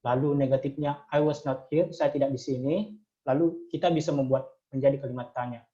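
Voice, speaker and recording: A man's voice: mid-range voice, steady tone, fairly quick, mellow, muffled recording. Hesitant Indonesian man teaching grammar. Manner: hesitant, frequent fillers, reads example sentences from slides. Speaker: English tutor. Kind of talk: explaining English grammar in a slide lesson.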